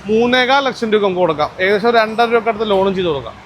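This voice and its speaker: A man's voice: high-pitched, lively intonation, rapid-fire, background noise. A man with a Kerala Malayalam accent, speaking as a used car dealer in an unscripted walkthrough, listing details and prices with English terms mixed into his Malayalam.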